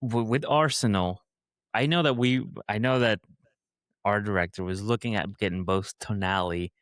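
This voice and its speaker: Low-voiced man in casual football chat. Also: moderate pace, fairly bright tone, no room sound, clean studio sound. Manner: rambling, thinks aloud with fillers. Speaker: podcast co-host.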